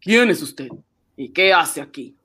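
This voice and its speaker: An actor playing a suspicious, threatening police inspector in a radio drama, barking demands with gasping unease. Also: male voice, a little high, expressive, slow pace, bright, forceful tone, full character voice.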